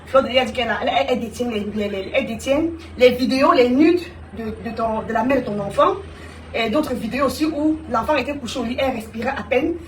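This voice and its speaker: A woman speaking live to her viewers, animated and teasing, addressing them directly. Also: a little high, quick pace, roomy sound, distant mic, a little hiss or hum. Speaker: live streamer. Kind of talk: live stream monologue to viewers.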